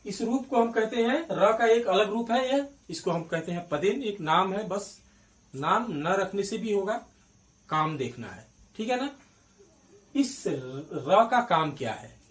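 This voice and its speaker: A man's voice: high voice, lively intonation, unhurried, recorded from a distance. A man teaching Hindi grammar at a board, explaining step by step, spelling out syllables and asking checking questions. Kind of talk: classroom-style grammar lesson at a board.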